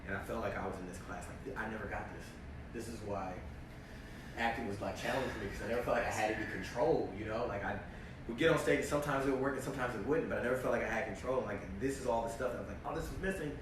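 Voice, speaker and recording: A young man telling a story in casual chat, animated and full of "like", acting out his own reactions. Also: on the low side, racing. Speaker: actor telling a story on a livestream. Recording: echoey, distant mic, faint noise.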